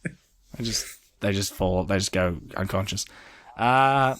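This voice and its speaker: A man co-hosting a casual gaming podcast, rambling through animated retellings of what happens in the game. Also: on the low side, takes it slowly. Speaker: podcast co-host.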